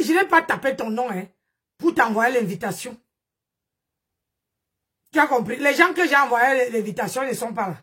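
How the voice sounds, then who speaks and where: Female streamer, high voice, strained throat, loud mocking gossip rant. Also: breathy edge. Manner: mocking, scolding, exclaiming. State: nursing a strained voice. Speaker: live streamer.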